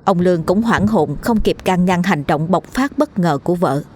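A woman narrating a horror story in a tense, measured storytelling manner. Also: fairly low pitch, lively intonation, slight background noise. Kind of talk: dramatic audiobook narration. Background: faint music.

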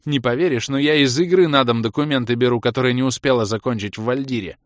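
A man's voice: medium pitch, quick pace, dry recording, close to an everyday voice. A man voicing a proud young baroness who talks in a sarcastic, grumbling way, in a dry, close recording. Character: sharp-tongued proud young woman, a baroness.

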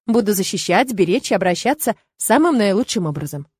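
A self-assured young emperor teases his bride in a lively, wry voice, as a woman reads him. His lines sit at an ordinary pitch for the reader. The recording is dry and close. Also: a little fast, slightly rough, dry recording. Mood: assured, teasing. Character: confident teasing male emperor, young adult.

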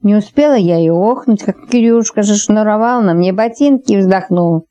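Woman reading a story out loud, warm mellow tone, lively delivery, bounces pitch around for characters. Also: moderate pace, muffled recording. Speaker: audiobook narrator. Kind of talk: audiobook narration.

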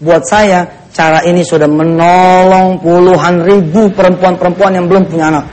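A man's voice: high-pitched, level tone, normal speed, darkish tone, slight background noise. A man preaching a dawn sermon, joking and teasing his listeners. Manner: joking, playful asides to the audience. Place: mosque.

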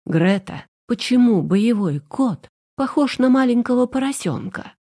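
A woman's voice: a little high, lively intonation, measured pace, dark tone, pitched above the performer's own voice. A woman voicing a commanding, exasperated young emperor in an audiobook, with a reproachful manner. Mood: stern. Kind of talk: audiobook character reading.

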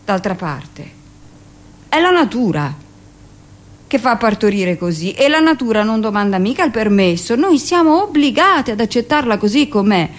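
The same hardened middle-aged midwife, voiced by an actress in a radio monologue, insists on justifying herself as she confesses expressively. Here the voice sits on the high side at normal speed, sounding indignant and aggrieved.

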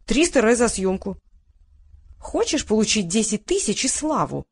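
A woman voicing a brash young female TV producer who barks loud, rapid orders. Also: on the high side, expressive, voice pushed up, lightly acted. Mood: bossy.

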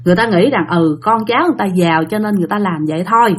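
A woman's voice: mid-range voice, racing. Woman storyteller, Southern Vietnamese accent, chatty spoken ghost-story narration addressed to listeners.

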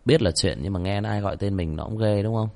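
A man narrating a horror story as host, calling out loudly in the tense scenes. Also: fairly low pitch, fast, vocal fry. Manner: shouts out names during tense scenes. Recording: soft music behind the voice.

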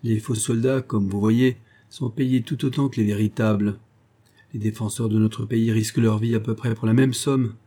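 A man voicing a disdainful, jaded young gentleman who speaks with mocking indifference. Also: lowish voice, fairly even intonation, normal speed, natural voice. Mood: sneering. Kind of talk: audiobook character voice.

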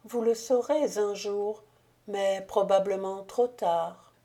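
A woman voicing the ghost of a dead countess in an audiobook, speaking gravely, solemnly and softly. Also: medium pitch, steady tone, slow. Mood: solemn, hushed. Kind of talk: audiobook reading.

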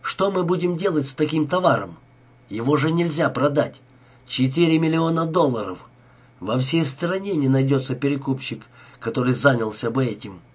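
Nervous club owner, flustered, husky, man reading in an audiobook. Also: medium pitch, lively intonation, normal speed. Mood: alarmed. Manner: anxious, flustered. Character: nervous, greedy male nightclub owner.

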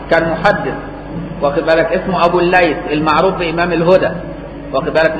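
A man's voice: sits high, a bit bright. A man with an Egyptian accent teaching a classical religious text, explaining with rhetorical questions and repetition. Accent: Egyptian Arabic. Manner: chants Quran verses slowly. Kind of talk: classical text lesson in Egyptian colloquial Arabic. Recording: echoey hall with faint noise.

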